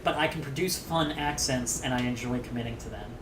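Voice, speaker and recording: A man's voice: mid-range voice, brisk, crowd noise. A man hosting a live game stream, chatting casually with an upbeat manner and lots of hesitant fillers. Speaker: streamer and host. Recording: roomy sound, music behind.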